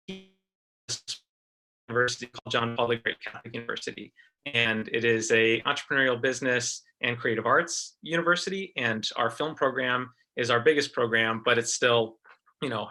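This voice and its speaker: A man's voice: mid-range voice, bright, forceful tone. A man from American Samoa who teaches film, introducing himself casually on a video-call panel with lots of ums and restarts. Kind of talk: panel discussion, personal intro.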